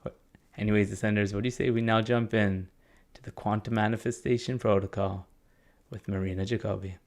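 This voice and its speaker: A man reading a scripted show promo in a measured announcer's delivery. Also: on the low side, fairly even intonation, a little mellow. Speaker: podcast host.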